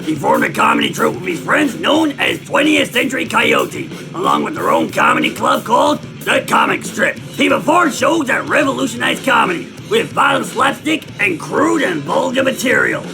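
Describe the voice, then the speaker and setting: A man voicing an ancient, cranky Australian squatter who shouts and rants at everything in a video game, with a gravelly Australian accent. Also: very high-pitched, wildly swooping pitch, moderate pace, hardly any pauses, exaggerated voice. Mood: ranting. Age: older. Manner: shouty, grumbling old-timer rants. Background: game music.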